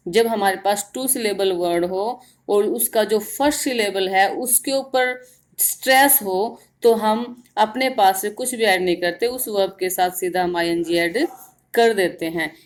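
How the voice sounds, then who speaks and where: A woman teaching grammar in Hindi, explaining step by step and repeating words slowly to show their stress. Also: medium pitch. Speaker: English teacher. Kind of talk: grammar lesson in Hindi with English terms.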